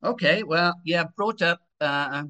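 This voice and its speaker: With a fairly high, bright voice and a forceful tone, this man from Swansea, Wales, in his sixties, talks at a measured pace. As an interview guest, he shares personal testimony conversationally in a Swansea Welsh accent.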